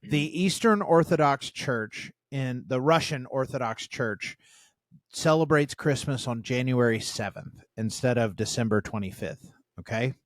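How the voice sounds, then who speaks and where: A man's voice: mid-range voice, a little slow, no room sound. A man co-hosting a casual podcast, reading posts aloud and rambling between laughs. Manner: rambling, laughs often, lively storyteller. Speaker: podcast co-host.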